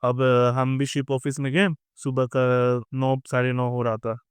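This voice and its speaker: Chatty young man with a smooth voice. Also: medium pitch, little pitch movement, moderate pace, no echo, studio quality. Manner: chatty, keeps adding "theek hai" and "matlab". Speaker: merchant navy officer sharing advice. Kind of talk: casual storytelling vlog.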